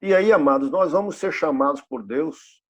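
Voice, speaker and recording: A man's voice: a little high, normal speed, muffled recording. A pastor in his fifties preaching a sermon in a church, asking the congregation rhetorical questions and repeating key phrases. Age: 50s.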